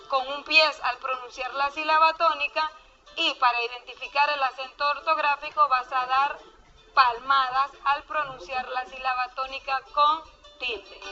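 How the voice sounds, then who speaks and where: A woman teacher explaining spelling rules to young pupils in an online class, slow and patient. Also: sits high, sharp tone, lo-fi sound. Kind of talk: online class lesson for children.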